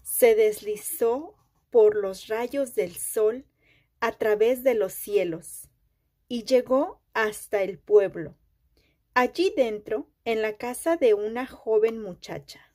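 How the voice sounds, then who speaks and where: A woman reading a children's picture book aloud, phrase by phrase with deliberate pauses. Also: on the high side, dark tone. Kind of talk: slow read-aloud storytelling for children.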